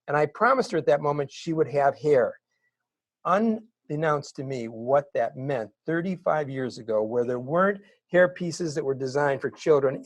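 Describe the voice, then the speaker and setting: Animated storytelling man, dry close sound. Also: on the high side, no echo. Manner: animated, builds to excited bursts. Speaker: interview guest, wig maker. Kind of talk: storytelling in an interview.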